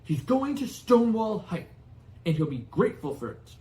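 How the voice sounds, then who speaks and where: A man's voice: high-pitched, sing-song, moderate pace, reverberant, voice pushed up. A man voicing an irate, stubborn middle-aged uncle who blusters indignantly in an audiobook. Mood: outraged. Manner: hissing, yelling, indignant.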